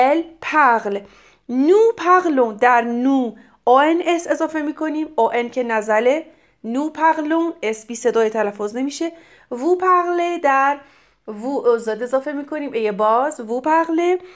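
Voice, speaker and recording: A middle-aged woman from Iran teaching French grammar, explaining in Persian and reading French examples slowly and clearly. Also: sits high. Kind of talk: grammar lesson.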